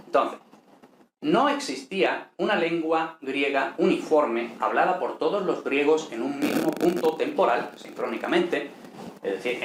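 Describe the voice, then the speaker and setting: Man teaching in an echoey room. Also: medium pitch. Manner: unhurried, frequent tag questions and fillers. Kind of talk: explaining ancient Greek lesson. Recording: echoey room with faint noise.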